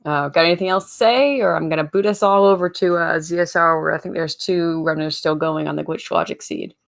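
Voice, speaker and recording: A woman's voice: low voice, fairly even intonation, brisk, vocal fry. A woman hosting a game race stream, wrapping up the show and thanking the racers in casual chat. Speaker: host.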